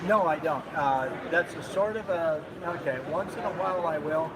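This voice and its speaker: A man's voice: fairly high pitch, normal speed. A man in his sixties demonstrating knife sharpeners at an outdoor show, talking in a folksy, rambling way with many fillers. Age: 60s. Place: outdoor gun show, crowd around. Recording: loud crowd noise behind.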